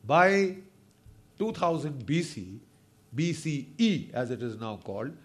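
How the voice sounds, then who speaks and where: A man's voice: fairly high pitch, a bit bright. An older man with a north Indian accent gives an impassioned, combative lecture, switching between English and Hindi and pressing his points with emphatic rhetorical questions. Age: older, over 60.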